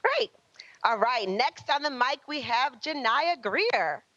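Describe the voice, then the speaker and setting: Lady hosting a student q&a, high lively voice, takes her time, bit of a muffled dry link. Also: slow pace, no room sound. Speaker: event host introducing student questioners. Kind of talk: live event hosting.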